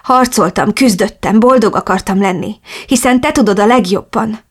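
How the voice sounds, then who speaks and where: A woman voicing a grieving young male mafia boss who speaks quietly and pleadingly in an audiobook. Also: mid-range voice, slightly rough, close to an everyday voice.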